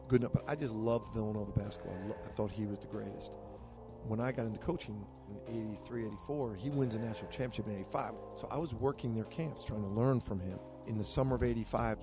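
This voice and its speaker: A man, a head basketball coach telling stories in an interview. He speaks with animation and gets louder on his punchlines. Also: lowish voice. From Philadelphia, USA. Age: 50s. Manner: animated storyteller, rising loud on punchlines. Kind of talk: storytelling in an interview. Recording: music playing under the voice.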